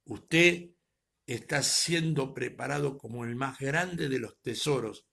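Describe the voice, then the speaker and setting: A man preaching, his voice heavily gravelly and husky. He swells to loud, emphatic peaks, then lets words drop to a near murmur. His pitch sits in an ordinary middle range. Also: measured pace. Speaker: pastor. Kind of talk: sermon. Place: preaching to an online audience.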